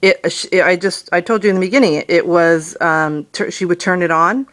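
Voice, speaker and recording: A woman's voice: on the low side, normal speed, fairly bright tone. A middle-aged woman, a customer on a phone call, explaining in a conversational, persistent way. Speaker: customer calling about a bill.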